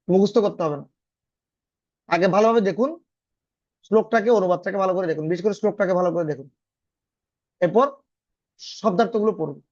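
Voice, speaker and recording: A man teaching a scripture class over a video call, explaining step by step with frequent check-in questions and chanting verses slowly in a singsong tone. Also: sits high, a little mellow, dry recording, lo-fi sound. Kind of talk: online scripture lesson.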